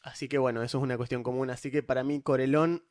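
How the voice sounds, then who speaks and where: Animated man with a Rioplatense accent. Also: medium pitch, quick pace, no echo, studio quality. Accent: Rioplatense Spanish. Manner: animated, explanatory, with many restarts. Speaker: podcast host discussing tabletop lore. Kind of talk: casual chat.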